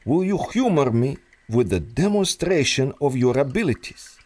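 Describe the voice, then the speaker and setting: A man's voice: medium pitch, sing-song, moderate pace, a little mellow. An actor playing a scheming, manipulative male villain doctor in an old-time radio drama, with a silky, menacing delivery. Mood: condescending.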